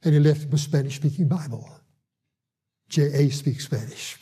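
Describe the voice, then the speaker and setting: A man who visits hospitals to evangelize, telling a testimony in an earnest way and slowing down for emphasis. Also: on the high side, mellow, slightly rough. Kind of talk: testimony storytelling.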